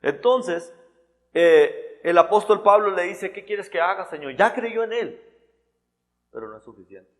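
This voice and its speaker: A man's voice: sits high, expressive, unhurried. A man preaching a sermon in a church hall, in a conversational style full of restarts and repeated words.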